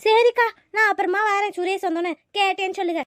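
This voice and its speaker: Cartoon: woman doing a fawning freeloader neighbor, very high, dry. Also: steady tone, fast talker, a bit bright, no room sound. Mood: wheedling. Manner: wheedling, fawning. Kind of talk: cartoon voice acting.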